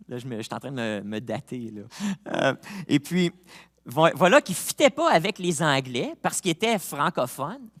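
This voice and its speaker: Québécois pastor guy, casual animated sermon, keeps restarting his sentences. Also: on the high side, unhurried, pauses often. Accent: Québécois French. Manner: conversational, animated preaching with many restarts.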